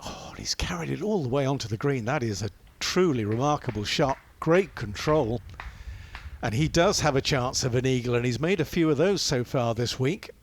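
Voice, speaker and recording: A man's voice: mid-range voice, animated, moderate pace. A man commentating on golf in a conversational, chatty way, often posing rhetorical questions as he analyses play.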